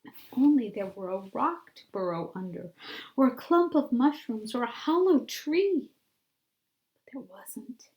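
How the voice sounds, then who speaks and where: A woman with a fairly high pitch and lively intonation reads a children's story aloud like a teacher, using deliberate, dramatic phrasing that sinks into hushed tones. The audio's highs are cut off.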